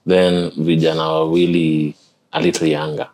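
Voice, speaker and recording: A man's voice: very deep voice, level tone, normal speed, darkish tone. A man with a Kenyan accent telling stories casually, switching between English and Swahili. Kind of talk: casual conversational storytelling. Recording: light background noise.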